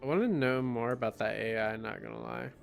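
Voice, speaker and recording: A creaky, medium-pitched voice comes from a tired young man gaming on stream, talking a little fast as he mutters and muses to himself between yawns. Game music plays underneath.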